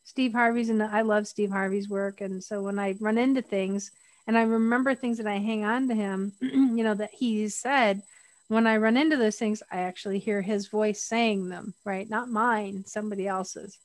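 A woman's voice: mid-range voice, fairly even intonation, normal speed, no echo. A middle-aged woman, a guest on a podcast interview, speaking candidly and laughing often.

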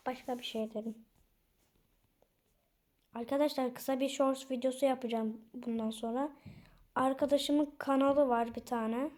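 A young woman with a high, mellow voice giving casual game commentary. She chats to her viewers as she plays, bursting out in frustration and excitement along the way. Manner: chatty, excitable, outbursts of frustration. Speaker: gaming channel host.

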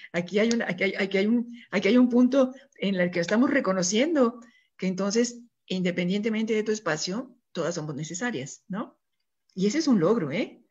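A woman's voice: medium pitch, husky. A woman speaking as a guest on a radio panel talk, earnest and often stopping to check that her listeners follow. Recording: dull lo-fi radio recording.

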